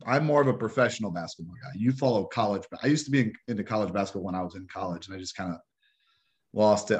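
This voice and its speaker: A man co-hosting a podcast, chatting casually about sports in a rambling, halting way full of restarts. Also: low voice, husky. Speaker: podcast co-host.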